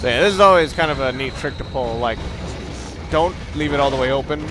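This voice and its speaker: A gaming video creator gives casual let's play commentary, rambling and poking fun at himself. His medium-pitched voice moves a little fast over loud video game music and sounds, so the background is noisy.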